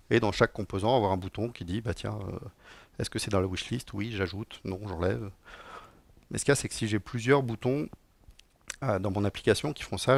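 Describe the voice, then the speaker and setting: A middle-aged man live-coding at a conference, talking casually with lots of fillers and dry jokes to a room audience. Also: on the low side. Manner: casual and joking, many fillers. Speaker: conference speaker, technical director. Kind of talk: live-coding tech talk.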